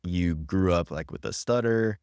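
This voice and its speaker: Low-voiced guy hosting a chill interview, dry close sound. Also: unhurried, a little mellow, clear, resonant tone, dry recording. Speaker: podcast host. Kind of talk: casual interview.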